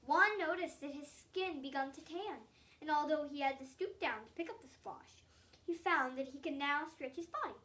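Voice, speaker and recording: A child of about eight reads a story aloud in a high, bright voice at a moderate pace. The reading is expressive, stressing and stretching certain words, and the voice sounds a little distant from the microphone.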